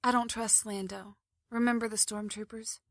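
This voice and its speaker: An actress playing a young space princess, earnest, inquisitive and wary, in a sci-fi audio drama. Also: female voice, a little high, level tone, normal speed. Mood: concerned, questioning.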